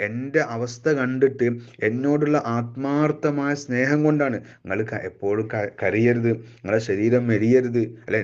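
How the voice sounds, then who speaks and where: A man teaching a classical devotional poem line by line, slowly chanting each verse and then explaining it briskly. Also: mid-range voice, darkish tone, muffled recording. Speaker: religious teacher.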